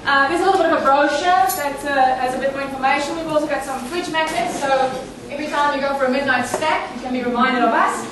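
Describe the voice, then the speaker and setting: A South African woman with a Dutch-tinged accent giving a fast, chatty, self-joking talk to a breakfast audience without a microphone. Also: sits high, background noise. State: nervous. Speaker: business speaker. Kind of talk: live presentation to a breakfast audience. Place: cramped room at a breakfast event. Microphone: no microphone, picked up from across the room. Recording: echoey room from far off with chatter.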